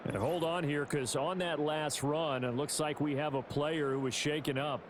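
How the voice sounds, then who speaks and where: A man's voice: on the high side, steady tone, moderate pace, noisy background, lightly acted. A man voicing a play-by-play football announcer in a video game, calling plays with energy that rises on big moments. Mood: announcing. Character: male play-by-play football announcer, steady and upbeat. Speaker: play-by-play commentator. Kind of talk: sports video game commentary. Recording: game audio over loud stadium crowd. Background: loud crowd and stadium ambience.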